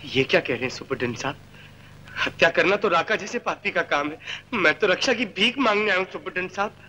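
A man's voice: sits high, animated, fast talker, pushed and bright, a little hiss or hum, poor audio. An actor playing a simple, kind-hearted young man in a 1960s film, talking earnestly and emotionally. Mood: pleading.

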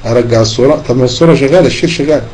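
Egyptian Arabic male teacher for an online Quran class, patient and demonstrative, warm low-key timbre. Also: slight background noise, low-quality recording. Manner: patient, drawn-out demonstration of recitation. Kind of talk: online tajweed lesson.

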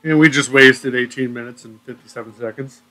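A man's voice: mid-range voice, fairly even intonation, a little fast, sharp tone. A man with a slightly stuffy voice, trading sarcastic, swearing quips in casual co-op game chat. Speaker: gamer.

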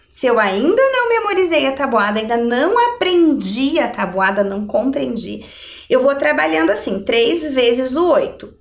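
A middle-aged woman from Brazil, an adult education maths teacher, gives a televised lesson step by step in an indoor TV studio. Her voice sits high and she's didactic, often checking in with rhetorical questions. The mic is distant, so the sound is roomy and somewhat off-mic.

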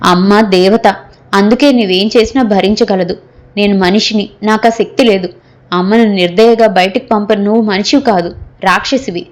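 A woman's voice: medium pitch, moderate pace, close to an everyday voice. A woman voicing an angry young husband who hurls scornful insults at his wife. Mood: furious.

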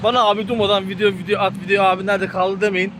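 A man's voice: high-pitched, little pitch movement, rapid-fire, noisy background. A man chatting casually to his viewers while tending his hens and chicks, often talking to the birds themselves. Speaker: poultry hobby vlogger. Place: outdoor chicken coop. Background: chickens and rooster clucking.

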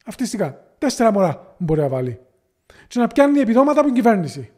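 A man's voice: high-pitched, very animated, a little mellow. A man with a Cypriot Greek accent, speaking as a podcast guest in an earnest, impassioned way. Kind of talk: casual podcast conversation.

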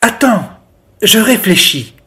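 A reader voicing an excitable little girl goat in a children's storybook, talking high and giggly. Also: slow pace, heavily acted. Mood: excited.

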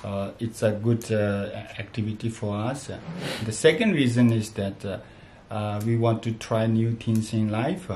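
A Tibetan man in his thirties, speaking as a non-native with a Tibetan accent, chats casually and haltingly as a family vlogger, often repeating himself. His voice is lowish and a little mellow. He records in a small bright room at home, which sounds echoey with faint background noise.

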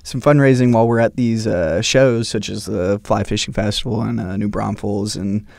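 Young man, low gravelly voice. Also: steady tone, normal speed, a little mellow, dry recording, clean studio sound. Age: young adult. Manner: enthusiastic, rambling, lots of "yeah, man". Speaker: club officer, fundraising chair. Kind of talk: casual chat. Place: small indoor studio. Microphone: large studio mic on boom, headphones.

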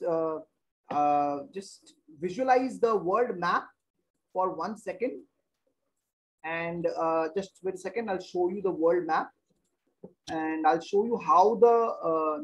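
Male teacher, online class, repeats himself, lots of pauses, computer mic. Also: high voice, dull audio, a little hiss or hum. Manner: repetitive, thinks aloud with many hesitations.

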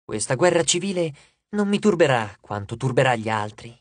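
A preening goddess of love in a storybook reading, as an audiobook narrator puts her on, gushing and condescending, her voice swooping up and down with a husky edge. She is recorded close and dry. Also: medium pitch, sing-song, moderate pace, no echo. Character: vain, glamorous goddess of love, adult female. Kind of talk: audiobook character voice.

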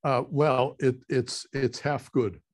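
A man asking a seminar speaker a question over a video call, measured and hesitant, with many fillers. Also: medium pitch, steady tone. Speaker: audience questioner.

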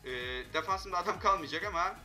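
A young man commentating his own mobile football match, excitable and quick to vent frustration at his players. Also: high-pitched, faint music behind. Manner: excitable, frustrated outbursts at teammates. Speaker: gaming channel host.

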